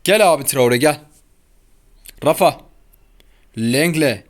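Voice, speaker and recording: Speaking slowly with lively intonation and a voice on the high side, a young man runs his gaming channel from a room at home. His talk over the gameplay is casual and slangy, full of exasperated complaints. A child's voice drifts in from outside the open window.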